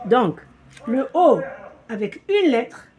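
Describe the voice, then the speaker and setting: A woman teaching a child to read, patient, slow and repeating words. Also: on the high side, big pitch swings, a little mellow. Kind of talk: patient reading lesson for a child.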